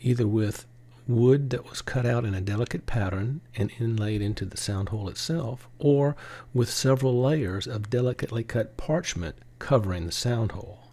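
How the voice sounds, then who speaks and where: An older man hosting a woodworking channel, explaining history and then demonstrating at his workshop bench in a calm, unhurried way. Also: medium pitch.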